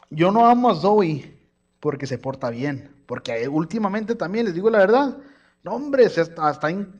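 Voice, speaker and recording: A man preaching a sermon, telling a lively family story and imitating his baby's cries. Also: on the high side. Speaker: pastor.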